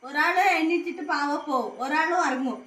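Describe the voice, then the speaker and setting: A woman's voice: high voice, normal speed, sharp tone, reverberant. A young woman from Karnataka giving short, playful replies in a casual family conversation at home. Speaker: family member in a vlog. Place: at home indoors.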